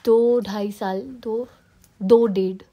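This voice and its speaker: A young woman with a sore throat and a hoarse voice, chatting fast to the camera in a casual vlog, recorded without a mic. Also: fairly even intonation. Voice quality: hoarse, lower than usual. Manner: fast, chatty, mixing English into her talk. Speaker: vlogger. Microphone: no mic, phone camera. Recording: no mic, faint background noise.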